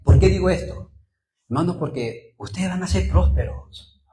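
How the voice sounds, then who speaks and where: Warm-toned and high-pitched, this Peruvian pastor preaches animatedly at a normal speed in an echoey room. His sermon, in a Peruvian Spanish accent, is built on personal anecdotes, emphatic repetition, and rhetorical questions.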